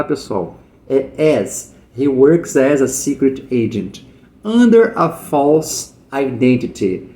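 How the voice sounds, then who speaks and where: A middle-aged Brazilian man runs a casual video lesson on English. His voice sits a little high, and he explains eagerly, drawing English words out slowly so learners can follow. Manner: lively, explanatory, slows down to model English words. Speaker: English teacher.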